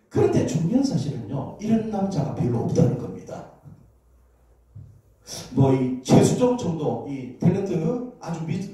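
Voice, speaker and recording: A man's voice: on the high side, warm tone. A middle-aged male pastor preaching a sermon, joking with the congregation and asking them questions. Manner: humorous, asks the congregation questions. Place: church sanctuary. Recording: very echoey hall, distant mic.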